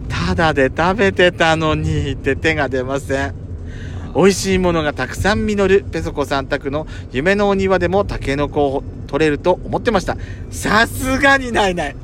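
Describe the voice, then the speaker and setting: A man hosts a casual letter-reading show in a camp, auntie-like, teasing manner. His voice sits on the high side and moves in lively swoops. Faint road noise from the moving car runs behind him. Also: normal speed. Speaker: podcast host reading listener letters. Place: inside a car being driven. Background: road and engine noise.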